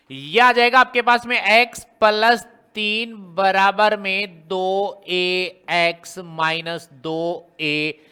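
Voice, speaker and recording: High bright-voiced maths teacher quizzing students. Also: male voice, clear, resonant tone. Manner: explains step by step, often quizzing students with rhetorical questions. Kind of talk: blackboard maths lesson.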